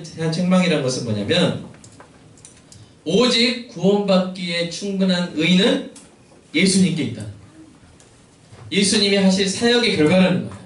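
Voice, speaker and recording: A man preaching a sermon as pastor, his fairly high voice carrying through a reverberant church sanctuary. He keeps asking the congregation questions and answering them himself. The sound is picked up from some way off, with faint room ambience behind him. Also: far from the mic. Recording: echoey church hall, mic from afar.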